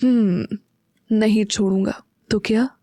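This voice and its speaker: Audio-story casting: a woman playing a teasing, tender young husband, slow and soft. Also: steady tone, no room sound, studio quality. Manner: soft, low, intimate murmuring.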